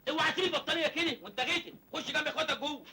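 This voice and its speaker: A man's voice: extremely high pitch, expressive, pushed and bright, slight background noise, full character voice. An actor with an Egyptian accent playing a naive, hungry young village man who jokes cheekily with his uncle. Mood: cheeky. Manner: cheeky, joking, fast-talking. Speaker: comic lead in an old film.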